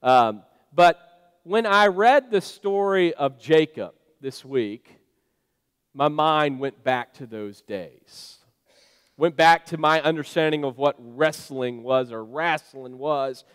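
Recorded in a church sanctuary with long reverb, a pastor delivers his sermon like a story told in conversation, filler words and all. He speaks slowly in a smooth, slightly high voice.

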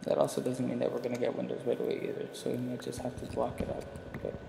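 A man's voice: mid-range voice, completely flat delivery, fast, gravelly, noisy background. A young man giving rambling, informal gameplay commentary as a YouTuber, with a slight speech impediment from wearing a retainer. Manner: rambling, informal, self-deprecating. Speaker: gaming YouTuber. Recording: roomy, echoing sound with music behind. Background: music.

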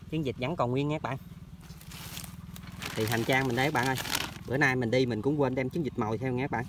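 Người đàn ông giọng miền Tây nói chuyện thân mật ngoài trời. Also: male voice, medium pitch, background noise. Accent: Mekong Delta Vietnamese. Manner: chatty, keeps addressing viewers as friends. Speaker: hunting vlogger. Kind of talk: casual outdoor vlog narration. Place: outdoors in rural orchard and canal banks.

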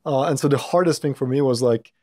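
A Polish-born man in his thirties speaks as an interview guest in a podcast studio, on a boom-arm mic. He is thoughtful and circles back often with fillers and restarts. His pitch sits in the middle and the sound is dry and close. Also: fast talker, warm tone, no room sound. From Poland. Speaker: startup founder and CEO, guest. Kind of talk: casual interview talk.

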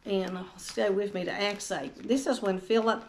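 A middle-aged woman delivers a church sermon in an earnest, steady voice. She reads scripture aloud and then moves into a personal testimony, keeping the same sincere manner throughout. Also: mid-range voice, normal speed, vocal fry, a little hiss or hum. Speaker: pastor.

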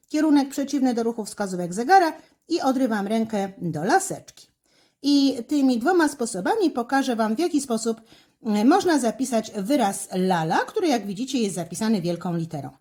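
A middle-aged woman teacher explains a handwriting exercise stroke by stroke. Her voice sits a little high and moves up and down a lot as she guides young pupils. She talks slowly and carefully, with small fillers between steps. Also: darkish tone. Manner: slow, careful, instructive, with fillers. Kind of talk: handwriting lesson with step-by-step commentary.

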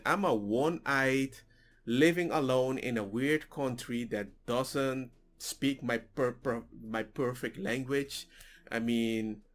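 A man in his forties, a native Papiamento speaker, hosts a reaction vlog from a small room at home, musing casually with restarts and slips. His mid-range voice is slightly bright, picked up by a headset mic in this reflective monologue.

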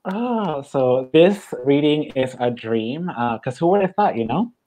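A poet from Mexico reading their work at a live online reading, excited and laughing between poems and slipping into Spanish phrases. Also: mid-range voice, unhurried, a little hiss or hum, poor audio. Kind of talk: poetry reading.

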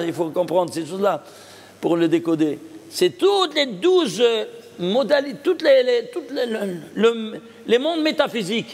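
A man with a high voice teaches a Torah lesson as a rabbi. He keeps posing questions and answering them himself, checking that his class follows along. His voice rings through a hall with a long trailing reverb. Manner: checks understanding with the audience.

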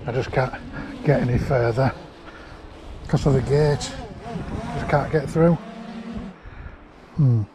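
A middle-aged Englishman vlogs a ride along the cliff tops, chatting and rambling casually with frequent chuckles. His medium-pitched voice is slow, with many pauses. An action camera on the handlebars, sometimes held near his face, picks up wind and outdoor noise.

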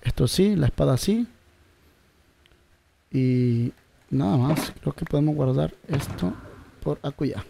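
A man's voice: on the high side, measured pace, vocal fry, long pauses, noisy background. A man giving casual gameplay commentary, talking straight to his viewers and searching aloud for words. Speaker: gameplay video creator.

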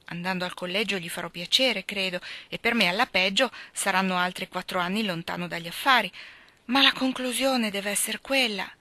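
A woman's voice: medium pitch, bright, forceful tone, dry recording, natural voice. A woman reading aloud, voicing a restless, rebellious teenage boy who speaks in a heated, emphatic way.

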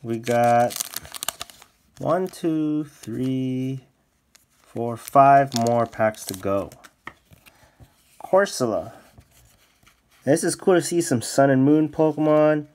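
A man casually commenting as he opens card packs off camera, bursting into high excited exclamations. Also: takes it slowly, pauses often, slight background noise. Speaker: card-opening YouTuber. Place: indoors at a desk, off camera.

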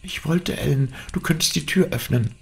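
A man's voice: normal speed, creaky, a little hiss or hum. A man reading an audiobook aloud, voicing a spirited young woman who pleads and frightens easily. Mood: pleading. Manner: raised, lively girlish pitch.

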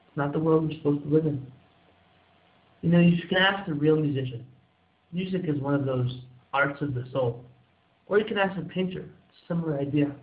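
A man with a fairly high voice delivers a motivational religious sermon as a rabbi. He is earnest and exhorting, leaning on repetition and rhetorical questions. The recording is thin like a phone line, with strong room echo. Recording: echoey room, phone-like muffled audio.

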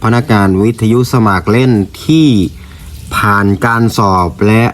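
A man's voice: fairly low pitch, measured pace, a bit bright. A man giving a polite, informal product presentation as a shop presenter, explaining and repeating his points. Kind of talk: informal product review to camera. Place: indoor room used for recording videos. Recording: clear background noise in room.

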